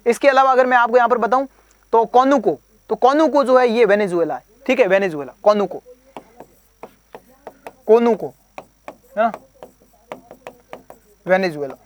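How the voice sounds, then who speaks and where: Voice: mid-range voice, normal speed, pauses often. A coaching teacher giving an exam preparation lecture, drilling terms by repetition, quizzing listeners and using playful memory tricks.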